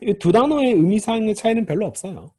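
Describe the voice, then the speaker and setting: A man's voice: high-pitched, expressive, quick pace, a little mellow, husky. A man teaching a grammar lesson in a recorded lecture, patiently explaining each term and repeating key words as he moves from point to point.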